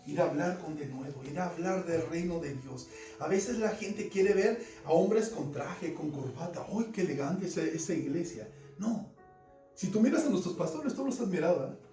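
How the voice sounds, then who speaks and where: A man preaching a fervent sermon, swinging between loud emphasis and quiet asides. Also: high voice. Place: church service. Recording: roomy church sound from a distant mic, faint music behind.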